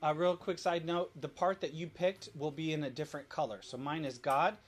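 Steady in tone, a little high and slightly fast, a middle-aged father speaks in this home vlog. He casually instructs his family, leading an activity and demonstrating an app while narrating each step.

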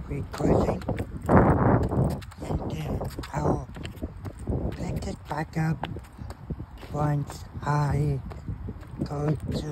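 A man's voice: fairly high pitch, heavy background noise. A man vlogging on a handheld phone outdoors and in a car, talking casually with many fillers and restarts. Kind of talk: casual vlog talk. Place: outdoors on a suburban sidewalk, then in a car. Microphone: phone held in hand.

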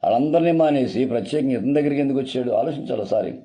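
A man's voice: mid-range voice, racing, mellow. A male pastor preaching a sermon earnestly, repeating phrases and calling his listeners beloved.

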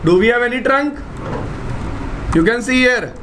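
A man's voice: very high-pitched, lively intonation, moderate pace, background noise. A man with a North Indian accent giving a classroom technical lecture, repeating questions and often checking that learners follow. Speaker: networking instructor. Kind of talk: classroom lecture with on-screen demonstration.

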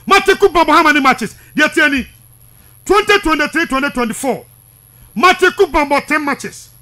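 A male Ghanaian sports presenter with a high-pitched, forceful, expressive voice moves at a moderate pace. His heated commentary switches between languages and is emphatic, insistent and repetitive. He's captured on a close studio microphone in a small radio studio.

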